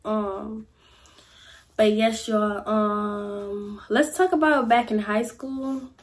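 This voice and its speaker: A woman's voice: mid-range voice, drawn-out words. A young woman, chatting casually to camera in a life-update vlog, full of "y'all" and "like". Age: young adult. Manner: chatty, repeats "y'all" and "like", animated gestures. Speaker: vlogger. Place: small indoor room, seated in chair.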